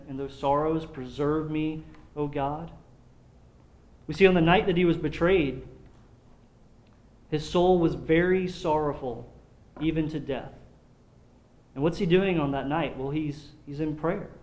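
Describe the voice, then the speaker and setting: A man preaching a sermon in an earnest, measured way, sometimes repeating words as he restarts a phrase. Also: a little high, steady tone, darkish tone. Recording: echoey room.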